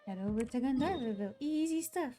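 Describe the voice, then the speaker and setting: A woman streamer talks casually over a game. Her voice is a bit high and soft in tone, with faint music behind it. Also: expressive, fast talker. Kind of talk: casual gameplay commentary.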